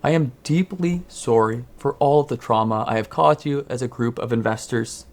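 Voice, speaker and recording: A man voicing a contrite, formal middle-aged businessman who reads out a solemn apology letter, slowly and gravely. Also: medium pitch, close to an everyday voice. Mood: solemn, remorseful.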